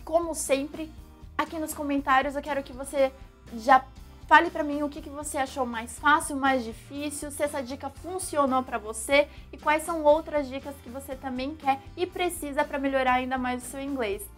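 A young Brazilian woman with a Brazilian Portuguese accent, an English teacher giving a lively, animated video lesson. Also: high voice, moderate pace, soft background music.

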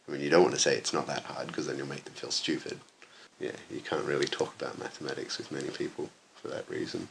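A man's voice: very deep voice, fairly even intonation, fast talker, creaky, noisy background. A young man at university chatting casually about his studies, dry and self-deprecating, often chuckling. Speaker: interviewee, university maths student. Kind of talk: casual conversation.

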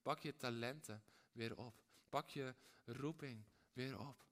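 A man preaching a sermon in a dramatic way, swinging between hushed and loud, with repeated rhetorical phrases. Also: mid-range voice, takes it slowly. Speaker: pastor.

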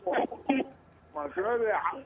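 A man's voice: extremely high pitch, lively intonation, extremely slow, creaky. A man calling in from Beijing, indignant and emphatic as he speaks over a telephone line. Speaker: caller. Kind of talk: call-in comment. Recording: tinny phone line with crowd noise behind.

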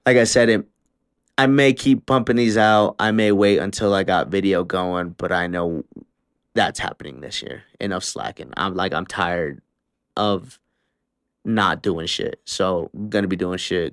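A young podcast host in the Salt Lake area of Utah records a casual solo monologue, laid-back and full of slang, swearing and filler words. His voice is low, clear and resonant, with fairly even intonation and a moderate pace. The studio-quality recording has no echo.

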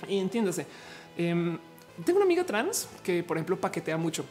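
A woman with a Mexican Spanish accent and a low, androgynous voice, chatting casually with viewers in a slangy, rambling way full of fillers. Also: very animated, fairly quick, darkish tone, soft background music. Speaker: streamer answering viewer comments. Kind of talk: casual chat.

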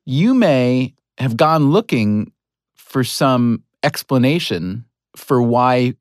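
A man talking casually as a guest author, mid-pitched and wandering through his thoughts with plenty of self-mocking asides. The sound is dry and close, with no room echo. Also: animated, takes it slowly. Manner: rambling, self-deprecating, laughs at himself. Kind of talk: casual podcast conversation.

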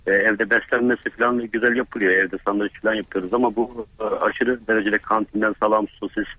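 A man from İzmir calling in over a telephone line to a radio show, asking a doctor a question politely and haltingly. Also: lowish voice, steady tone, bright, forceful tone, slightly rough, no room sound. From İzmir, Turkey. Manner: polite, halting, with repeated hesitations. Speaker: radio call-in listener. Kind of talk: casual phone question to a doctor.

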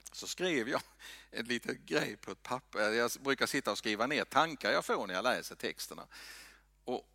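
Gravelly pastor preaching. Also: male voice, medium pitch, no room sound, studio quality. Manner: dramatic swings from loud to hushed whispers. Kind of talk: sermon. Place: church.

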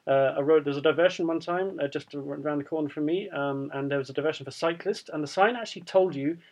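A man who lives in the Netherlands co-hosts a news podcast, talking fast in a voice on the high side. He chats casually, laughs easily, then reads out news items.

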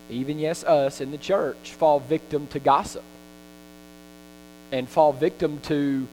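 Folksy preacher in an echoey church. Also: male voice, on the high side, a little mellow. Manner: conversational, folksy preaching with many ums and restarts. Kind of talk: sermon. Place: church sanctuary. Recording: reverberant hall with mains hum.

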